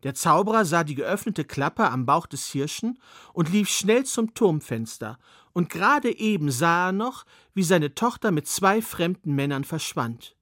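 A man's voice: a little high, very animated, a little slow, a bit bright, no room sound, studio quality. A man telling a fairy tale in a personal storytelling manner with occasional asides.

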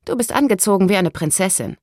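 A woman's voice: medium pitch, animated, fast talker, darkish tone, no echo, studio quality, pitched above the performer's own voice, close to an everyday voice. A woman voicing a brash, condescending young girl with a teasing, provocative manner in an audiobook. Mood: cheeky, challenging. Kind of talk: audiobook character voice.

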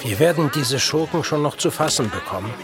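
An actor playing an earnest elder brother and scholar, delivering formally in an audio drama. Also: male voice, on the high side, expressive, brisk, a crowd in the background, lightly acted. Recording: music behind.

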